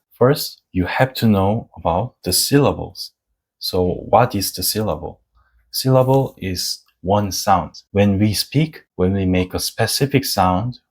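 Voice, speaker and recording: A man whose first language is Korean teaches an online lesson, taking his time over every word. His voice sits a little low, and he walks through the sounds one letter at a time. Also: darkish tone. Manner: slow, deliberate explaining with spelled-out letter sounds.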